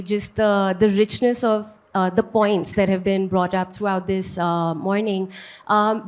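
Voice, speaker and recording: A woman moderating a policy panel, closing the session with a brisk summary. Her pitch sits in an ordinary middle range, and she keeps tagging her points with a quick "right?". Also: a little mellow.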